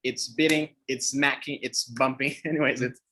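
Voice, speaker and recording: This young man co-hosts a show teaching expressions, speaking English in a casual chat with the accent of his native Brazilian Portuguese and searching for words while thinking aloud. His medium-pitched voice is sharp and fairly even in intonation at normal speed, with a little hiss or hum in the recording.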